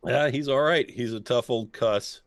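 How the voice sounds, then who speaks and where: A man's voice: mid-range voice, normal speed, no room sound. A man acting as game master of a tabletop role-playing game, talking casually as he narrates and rules on play.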